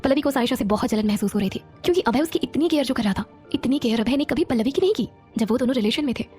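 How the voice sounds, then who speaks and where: Woman narrator, romance audio story, quick, fairly high voice, faint music behind. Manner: steady storytelling.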